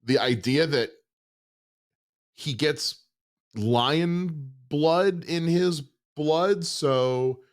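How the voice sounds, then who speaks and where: A man hosting a trailer reaction show, ranting in exasperated, animated commentary. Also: medium pitch. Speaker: host.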